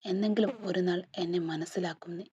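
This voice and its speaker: A woman voicing a frank, protective female friend in a husky, breathy voice. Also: fairly low pitch, fairly even intonation, brisk, mellow. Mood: blunt, frank. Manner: blunt, frank. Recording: dull lo-fi recording.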